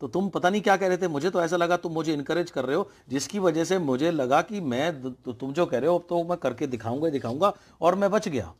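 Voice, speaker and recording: A man's voice: fairly high pitch, a little fast, few pauses, voice pushed up, lightly acted. A man doing a stubborn, half-deaf frog. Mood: earnest. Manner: casual, asks others to speak louder. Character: hard-of-hearing male frog, stubborn and cheerful.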